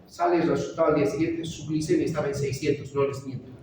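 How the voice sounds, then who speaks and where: A woman's voice: low voice, steady tone, quick pace, dark tone, slight background noise. A woman doctor lecturing medical students, mixing clinical anecdotes into the lesson and often checking in with her listeners. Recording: echoey hall recorded from far off.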